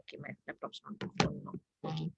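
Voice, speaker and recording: A woman's voice: fairly quick, highs cut off, heavy background noise. A woman hosting an online workshop over a video call, chatty and laughing often. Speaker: workshop facilitator.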